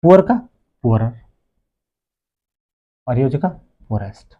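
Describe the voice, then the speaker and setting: A man's voice: mid-range voice, lively intonation, narrow, tinny audio. A man teaching an English grammar lesson, who asks questions and then answers them himself. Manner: asks rhetorical questions and answers them, repeats words slowly.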